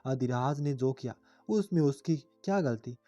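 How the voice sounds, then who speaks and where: A man's voice: medium pitch, lively intonation, measured pace, dark tone, dry recording, soft background music, close to an everyday voice. Man voicing a caring young sister. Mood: gentle.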